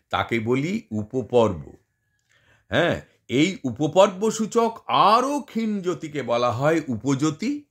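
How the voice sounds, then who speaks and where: A man giving a lecture, explaining step by step, repeating examples and asking his listeners rhetorical questions. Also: medium pitch. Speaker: teacher. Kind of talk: lecture on Bengali poetic meter.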